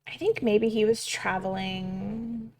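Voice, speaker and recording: A woman's voice: medium pitch, fairly even intonation, slow, darkish tone, a little hiss or hum. A young woman casually thinking aloud while she prepares a tabletop game, rambling with many fillers and casual swearing. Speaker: game master prepping a campaign.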